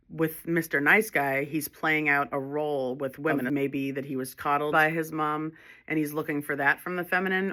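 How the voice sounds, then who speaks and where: A woman's voice: deep voice, pushed and bright. A woman speaking as a holistic life coach in a reflective self-help monologue, earnest and encouraging, often restarting her phrases.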